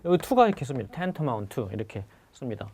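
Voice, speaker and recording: A man teaching English vocabulary for civil service exams in a recorded lecture, repeating key words slowly and addressing his students. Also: medium pitch, big pitch swings, a little hiss or hum. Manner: stresses the English words, then lets the Korean explanation trail off quietly.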